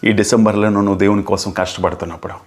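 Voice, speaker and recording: A man's voice: on the low side, fairly even intonation, rapid-fire. A man preaching a fervent sermon as pastor, building emphasis through repeated phrases. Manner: fervent, repetitive preaching, rising and falling emphasis.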